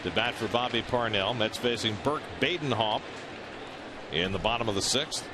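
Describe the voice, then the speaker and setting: A man's voice: mid-range voice, normal speed. A man calling a baseball game live as the play-by-play announcer. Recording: loud stadium ambience behind. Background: outdoor ballpark noise.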